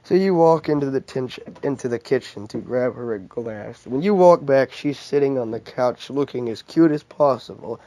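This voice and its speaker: A young man with a warm, mellow voice reads a fan story aloud in the second person. He reads casually, often restarting lines and stopping for offhand asides. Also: medium pitch. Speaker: fan fiction reader.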